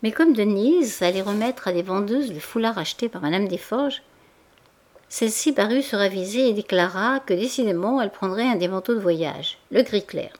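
A woman with a medium-pitched voice narrates a classic novel as an audiobook. Her scripted reading is measured, even, and literary.

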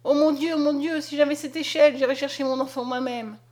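A woman's voice: high voice, fairly even intonation, fairly quick, a little mellow, voice pushed up, natural voice. A woman voicing a desperate young peasant mother, crying out in frantic pleas. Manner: frantic pleading cries.

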